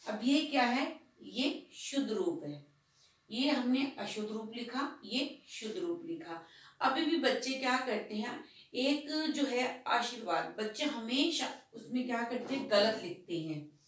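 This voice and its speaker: A woman's voice: a little high, lively intonation. A woman teaching a school Hindi lesson, explaining patiently and asking questions that she answers herself. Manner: slow, patient, asks and answers her own questions. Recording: echoey room, voice from a distance.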